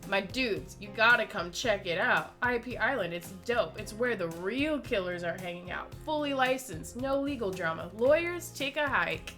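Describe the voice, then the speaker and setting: A woman's voice: medium pitch, expressive, normal speed, hardly any pauses, a bit bright, soft background music, lightly acted. Lady playing a laid-back bragging pop-star killer dude, slangy and cocky. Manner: boastful slangy patter. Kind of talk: dramatic game dialogue reading.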